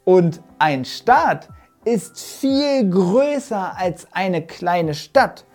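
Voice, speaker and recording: Very slow, lively German teacher woman. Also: lowish voice, soft background music. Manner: slow, clear, modeling words syllable by syllable. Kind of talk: online language lesson.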